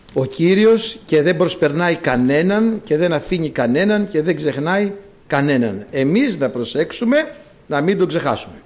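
A man preaching a sermon in a church, swinging between quiet explanation and loud cries of praise, and reading scripture aloud in a slow formal cadence. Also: a little high.

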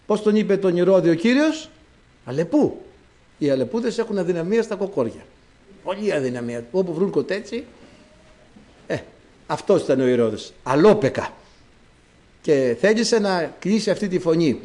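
A man preaching a sermon, dramatic, swinging between loud exclamations and low asides. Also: very animated, long pauses.

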